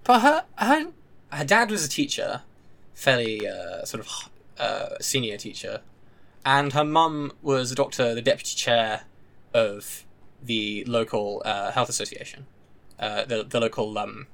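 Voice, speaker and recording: A man with a modern British RP accent from the south of England in casual political discussion. His voice sits at an average pitch. He is opinionated, often restarting and repeating phrases as he builds a point. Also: animated, gravelly, fairly bright tone. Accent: modern British Received Pronunciation, southern English. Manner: opinionated, halting and repetitive, with frequent tag questions.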